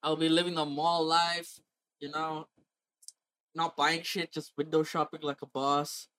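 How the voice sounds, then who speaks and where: A young man from India co-hosting a podcast in casual comedic banter, animated, crude and full of swearing. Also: on the high side, unhurried, clear, resonant tone, dry recording. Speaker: podcast co-host.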